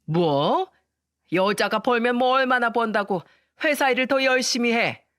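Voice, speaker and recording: A woman's voice: on the high side, animated, measured pace, fairly bright tone, dry recording, studio quality, voice pushed up. A woman voicing a bossy, nagging older mother-in-law in a dramatized story reading, scolding and demanding.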